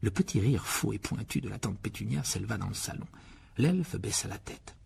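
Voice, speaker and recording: A man reading an audiobook expressively, with a lively delivery that rises in pitch for dialogue. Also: brisk, vocal fry, slightly rough. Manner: lively, voices Harry with rising pitch in dialogue. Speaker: audiobook narrator.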